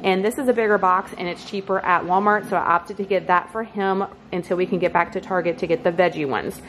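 In her kitchen, a vlogger talks straight to viewers about her grocery haul in a cheerful, casual way. Her voice is lowish, steady and fairly bright, and she speaks a little fast. The low-quality recording carries a slight hiss or hum.

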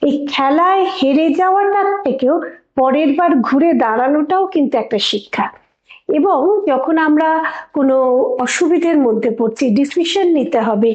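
A woman psychologist with a Bengali accent from West Bengal, calmly explaining things to parents and posing rhetorical questions. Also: high-pitched. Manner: calm, asks rhetorical questions. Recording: echoey room, dull lo-fi sound.

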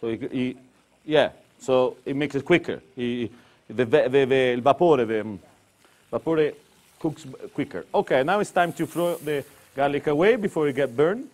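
Speaking at a moderate pace in a mid-range, slightly mellow voice, this native Italian speaker from Tuscany chats through a cooking demo. His English is broken and accented, sprinkled with Italian interjections, and the setting is a kitchen demonstration set.

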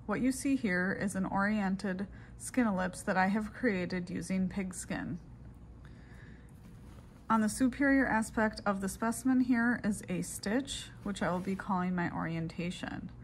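Female lab instructor, mid-pitched, step-by-step demonstration narration, audible room noise. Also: a little slow. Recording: clearly noisy room recording.

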